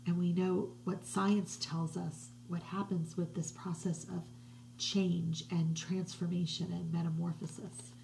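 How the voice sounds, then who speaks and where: A middle-aged woman reading a picture book aloud to children from her living room, slow and hushed with soft whispery passages, recorded on a webcam. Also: fairly low pitch, level tone, vocal fry, a little hiss or hum, poor audio. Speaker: children's religious educator. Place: living room at home, indoors. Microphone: webcam at desk distance.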